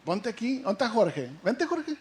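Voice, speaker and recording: A male pastor preaching a lively sermon, asking the congregation questions and acting out the story. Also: extremely high pitch, unhurried.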